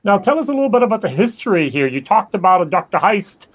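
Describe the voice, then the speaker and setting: High-pitched man hosting casually. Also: very animated, quick pace. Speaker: host. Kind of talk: casual interviewing.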